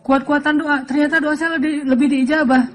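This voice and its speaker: A middle-aged male Islamic preacher from Aceh, giving a relaxed, humorous sermon that jokes and acts out voices in his stories. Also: extremely high pitch, a little fast, a little hiss or hum. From Aceh, Indonesia. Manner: joking storytelling, often laughing.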